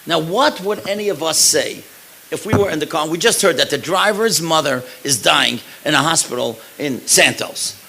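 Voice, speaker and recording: A rabbi and lecturer with a somewhat high voice and vocal fry tells stories at a synagogue event, speaking at a normal pace. He's an animated storyteller who acts out the people in his tales. The audio quality is poor.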